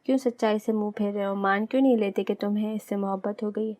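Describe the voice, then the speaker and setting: A woman voicing a young man's inner heart, which questions him and gently reproaches him. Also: medium pitch, fairly even intonation, close to an everyday voice. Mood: probing.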